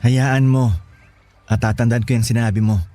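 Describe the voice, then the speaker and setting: A young adult man acts in a Tagalog radio romance drama as a devoted young boyfriend leaving to study in the city, speaking earnestly, tenderly and reassuringly. His mid-range voice is warm, natural and steady at normal speed, with faint music behind.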